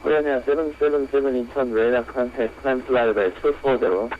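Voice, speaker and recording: Man, air traffic controller, quick clipped instructions, muffled radio channel. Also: medium pitch, steady tone. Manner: clipped procedural phrasing. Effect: radio transmission. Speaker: air traffic controller on an online flight simulation network. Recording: muffled lo-fi radio with faint noise.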